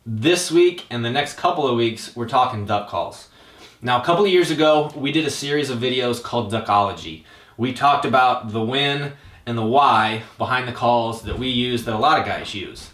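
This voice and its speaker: A man's voice: mid-range voice, normal speed, fairly bright tone. A man hosting a video series, introducing it in an informal, plain-spoken way. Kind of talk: casual scripted-feeling introduction to an outdoor hobby series. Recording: echoey, roomy sound.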